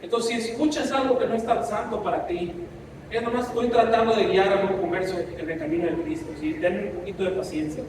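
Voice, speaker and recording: A man's voice: high voice, lively intonation, fairly quick, background noise. A man preaching a sermon as pastor, impassioned and mixing in asides. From Mexico. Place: church. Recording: echoey church hall from a distance.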